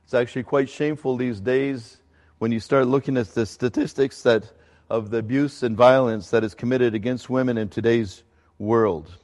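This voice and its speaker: Male pastor, middle-aged, from Ecuador, conversational sermon, mid-pitched voice, long hall echo. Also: steady tone, darkish tone. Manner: conversational, halting with fillers and restarts.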